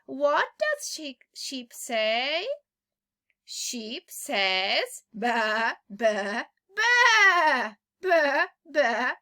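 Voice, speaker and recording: A woman's voice: sits high, gravelly, pushed and bright. A woman with a Polish accent teaching English to small children, as if reading to a toddler, in an exaggerated sing-song manner with much repetition. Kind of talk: simple language lesson for small children.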